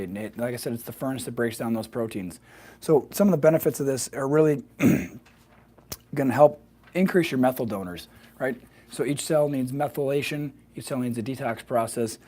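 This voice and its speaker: A man with a slightly hoarse, froggy voice explaining wellness informally as a presenter on a live video, often adding small check-in questions. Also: mid-range voice, moderate pace, warm tone. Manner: fluent, explanatory, often checks with "right?" and "okay?". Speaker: health practitioner hosting a weekly wellness video.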